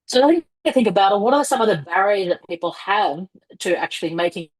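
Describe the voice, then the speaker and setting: A woman's voice: medium pitch, expressive, brisk, rough recording. A woman giving an online presentation about fundraising, her audio choppy and breaking up over a bad internet connection. She talks through the points with frequent fillers. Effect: choppy, breaking-up internet call audio. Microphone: headset on a video call.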